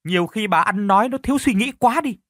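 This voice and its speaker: A man playing a gruff older farmer husband who scolds and grumbles in exasperation. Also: high voice, lively intonation, fast, no echo, clean studio sound, pitched above the performer's own voice. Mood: indignant.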